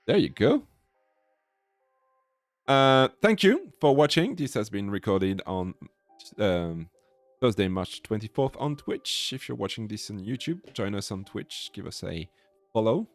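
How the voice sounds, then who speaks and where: French guy w accent, lowish voice, chatting on a stream, kinda halting, faint music behind. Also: very animated, no echo. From France. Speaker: host of a coding livestream. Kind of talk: casual livestream chat.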